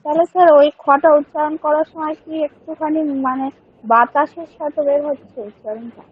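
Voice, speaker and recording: High-pitched lady student, polite questions, muffled call sound. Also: moderate pace.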